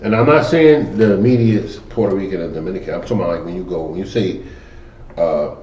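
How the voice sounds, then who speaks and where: Man, low voice, podcast co-host, rambling, heard from off the mic, dull echoey sound with faint hum. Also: fast talker, mellow, recorded from a distance. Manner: rambling, frequent restarts and fillers, swears. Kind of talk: casual podcast chat.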